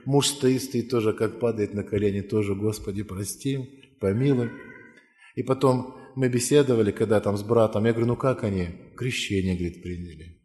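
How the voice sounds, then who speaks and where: A man's voice: on the low side, brisk, a little mellow. A male preacher telling a conversion story in earnest, pleading tones and calling listeners forward to pray. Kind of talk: sermon with altar call. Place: church hall. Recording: long hall reverb.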